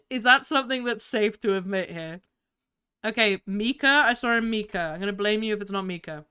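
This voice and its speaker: A woman streamer chatting live with her viewers in a bubbly, giggly, excitable way while playing games. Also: mid-range voice, normal speed, pauses often, clear, resonant tone. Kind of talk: live gaming stream chat.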